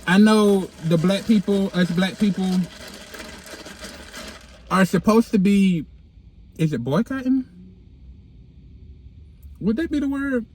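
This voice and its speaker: High-voiced man with a lisp, whistling s. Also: takes it slowly, long pauses, a little mellow, a little hiss or hum. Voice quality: lisp with whistling s from dental aligners. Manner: slangy, candid, sassy. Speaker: vlogger, podcast host. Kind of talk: casual chat to followers. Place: inside a car. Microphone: handheld phone.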